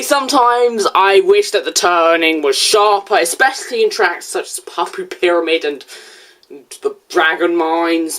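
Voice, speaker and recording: A teenage video reviewer talking casually while reacting to a video, animated and jokey, sometimes dropping to a mumble. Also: mid-range voice.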